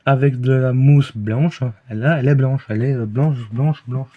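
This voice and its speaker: A man's voice: medium pitch, steady tone, normal speed, phone-quality sound. A man with a Belgian French accent reviewing beers in a casual, rambling way, full of fillers, false starts and hesitations, recorded in a room at home.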